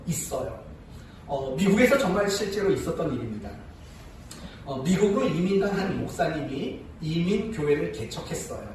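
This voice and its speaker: A man's voice: high-pitched, heavy reverb, recorded from a distance, a little hiss or hum, poor audio. A male pastor preaching a sermon and telling a story, often asking the congregation rhetorical questions.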